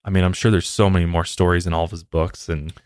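Low-voiced male podcast narrator. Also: quick pace, clear, resonant tone, dry recording, studio quality. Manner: steady storytelling, loose in chat. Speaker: podcast host. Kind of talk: scripted narration then casual chat.

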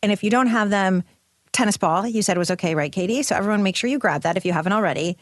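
A woman's voice: medium pitch, quick pace, no echo, clean studio sound. A woman hosting a show in casual chat, informal and effusive in the way she talks. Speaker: show host.

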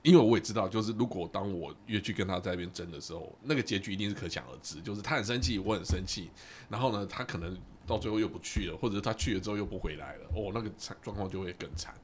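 A man co-hosting a podcast, telling a personal story in casual chat and acting out the quoted dialogue with lively energy. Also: deep voice, quick pace, a little hiss or hum. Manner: animated storyteller who acts out quoted dialogue.

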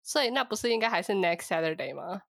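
Young woman, co-host, teasing quick interjections, mid pitch. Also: lively intonation, vocal fry, a bit bright. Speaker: podcast co-host. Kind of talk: casual chat.

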